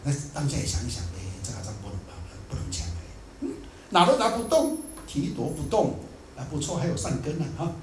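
A man giving a dharma talk, animated and acting out the people he quotes. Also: on the high side, a little fast, echoey room, slight background noise. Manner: animated, acts out quotes in dialect. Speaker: Buddhist teacher.

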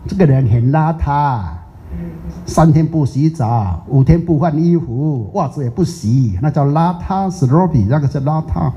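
A man's voice: a little high, a little slow, mellow. An older man from Taiwan, a Buddhist teacher giving a chatty, teasing dharma talk, drawing out English words. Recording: muffled lo-fi recording.

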